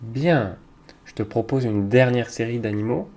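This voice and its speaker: A man teaching young children, talking slowly and patiently, with hesitant fillers. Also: medium pitch. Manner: speaks slowly to a child, hesitant fillers, loudly claps out each word. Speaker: kindergarten teacher.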